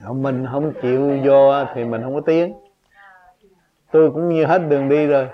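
A man's voice: mid-range voice, flat delivery, normal speed. A man giving a spontaneous religious teaching, emphatic and full of rhetorical questions, his voice jumping up on key points. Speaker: spiritual teacher. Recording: dull lo-fi recording.

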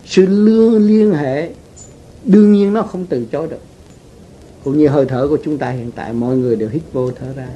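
A man giving a spiritual teaching, speaking earnestly, with big swings in pitch and loudness. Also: brisk, breathy edge, muffled recording. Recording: noisy recording with rain behind.

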